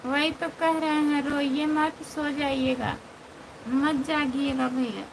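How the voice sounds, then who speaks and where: A woman with an Awadhi accent hosts a casual live stream on her phone, talking to viewers in a high voice. She speaks at a slow, unhurried pace and teases them playfully, with steady ambient noise behind her. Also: gravelly. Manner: playful, teasing, answers comments by name. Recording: noisy background ambience.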